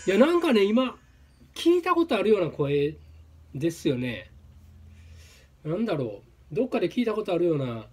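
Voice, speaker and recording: A man commentating his own gameplay, exclaiming and repeating words in quick bursts. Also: high-pitched, sing-song, husky. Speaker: game streamer. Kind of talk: excited let's-play commentary.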